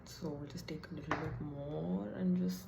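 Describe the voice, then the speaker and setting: A woman's voice: low-pitched, steady tone, normal speed, gravelly, background noise. A young woman vlogger casually chatting and thinking aloud while doing her makeup, a bit self-deprecating. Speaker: beauty vlogger. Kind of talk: casual get-ready-with-me chat. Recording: echoey room.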